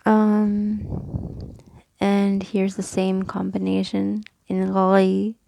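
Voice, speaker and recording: A woman's voice: mid-range voice, monotone, drawn-out words, vocal fry, warm tone, a little hiss or hum. A woman teaching a recorded reading lesson, explaining each rule step by step in a patient, methodical way with frequent ums and small self-corrections.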